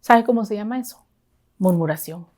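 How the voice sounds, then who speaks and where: A woman's voice: mid-range voice, moderate pace, darkish tone. Earnest woman preaching a sermon. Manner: earnest, conversational preaching with rhetorical questions. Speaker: deaconess preaching to a women's service.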